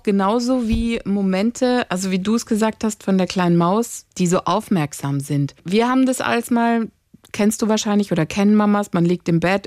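A woman in her thirties talks casually, bringing her stories to life by acting out what her children said. Her voice sits in a middle range. She is recorded close up in a dry room with no echo. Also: medium pitch. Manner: animated, acts out quotes of her children. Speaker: podcast co-host, mother. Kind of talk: casual chat, storytelling.

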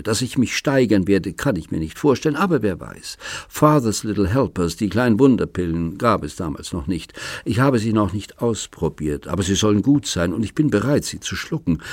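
Guy reading lonely chatty old man in his late seventies pleading his case, deep husky voice, dry audiobook sound. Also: darkish tone, no room sound. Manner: earnest, long-winded pleading.

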